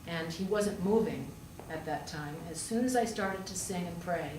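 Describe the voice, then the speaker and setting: Speaking on the low side at a moderate pace, a woman pastor, who is also a hospital chaplain, delivers a storytelling sermon in conversational style, relying on rhetorical questions and emphatic repetition. The audio sounds roomy and distant, with faint noise.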